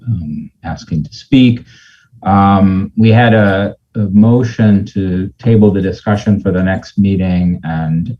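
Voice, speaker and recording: A man chairing an online meeting in an informal, hesitant and apologetic way, halting often, with muffled audio. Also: sits low. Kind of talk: informal procedural meeting talk. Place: remote video meeting.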